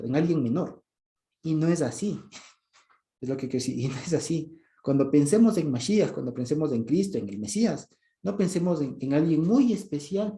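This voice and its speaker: A man with an Ecuadorian Spanish accent teaches from the Bible in a relaxed, conversational way, checking often whether his listeners follow and laughing softly. His voice is dark and mellow, sitting a little high for a man. The room around him is echoey. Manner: conversational, checks understanding often with short questions and soft chuckles. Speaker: preacher.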